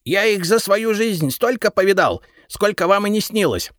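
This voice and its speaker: A male narrator raises his pitch above his own to a medium level for a brash, smug treasure-hunting character, swinging widely in pitch at a moderate pace with a fairly bright tone. The character is defiant and cocky, arguing and getting loud in this audiobook reading. There's no echo.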